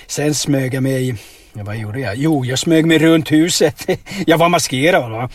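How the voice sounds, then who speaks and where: A man telling absurd stories in a deadpan, rambling way inside a car, tagging his lines with questions. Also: medium pitch, no room sound. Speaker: comedic storyteller. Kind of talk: deadpan absurd comedy chat.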